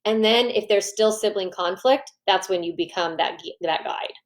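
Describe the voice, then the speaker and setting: A woman coaching parents in a live online training, chatty and lively, often acting out what parents and kids say. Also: medium pitch, moderate pace. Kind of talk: live online training, answering viewer questions.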